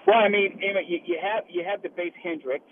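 A man's voice: high-pitched, fast talker. A man chatting casually as a radio guest, calling in from inside a truck cab as it travels. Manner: speaking from inside a truck cab while riding. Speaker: guest, liquor brand representative. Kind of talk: casual radio interview by phone. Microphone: phone call. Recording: tinny phone line with clear noise. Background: truck cab noise.

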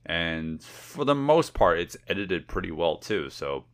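Low-voiced man chatting about a film. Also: measured pace. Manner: relaxed, rambling, filler-heavy. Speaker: podcast co-host. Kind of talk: casual film review chat.

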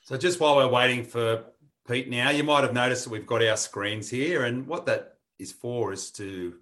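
An Australian man with a fairly low voice presents a sports podcast. He is chatty and matey, running through plugs and small talk casually. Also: a bit bright. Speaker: podcast co-host. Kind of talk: casual presenting and sponsor reads.

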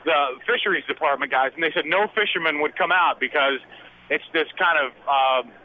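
A middle-aged man calling in over a clipped phone line from a vehicle on the highway, telling a rambling story in a quick, chatty way. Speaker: caller. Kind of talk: call-in storytelling. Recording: tinny phone line with faint road noise.

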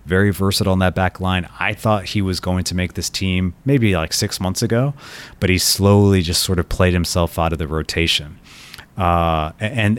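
A man from Colombia giving solo soccer commentary, thoughtful and prone to restarting his sentences. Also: low-pitched. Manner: thoughtful, frequent restarts and repeated words. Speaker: soccer writer and podcast host.

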